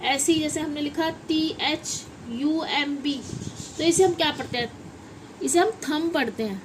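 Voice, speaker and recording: A woman's voice: high-pitched, measured pace, background noise. A woman with a Hindi accent teaching English pronunciation in a classroom style, often asking questions and answering them herself.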